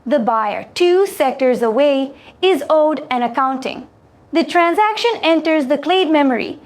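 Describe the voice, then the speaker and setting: In a science fiction story, a woman voices a composed, precise alien trader. Her voice is high, and she speaks formally, choosing each phrase with deliberate care.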